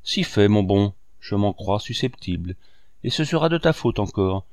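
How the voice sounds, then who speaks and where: A man's voice: lowish voice, expressive, normal speed, a little mellow, dry recording, clean studio sound, close to an everyday voice. A man voicing a greedy, mocking male accomplice who blackmails in a sneering, taunting way. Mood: threatening.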